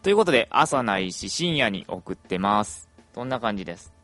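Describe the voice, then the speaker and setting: A man's voice: fairly low pitch, a little fast, over music. A young adult man chatting through a casual podcast monologue, with plenty of fillers. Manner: chatty, lively intonation, many fillers.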